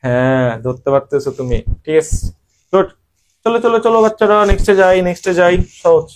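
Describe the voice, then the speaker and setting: Animated and brisk, a young man with a high voice teaches English grammar online to admission-prep students, speaking with a Bangladeshi Bengali accent and drilling them through rhetorical questions.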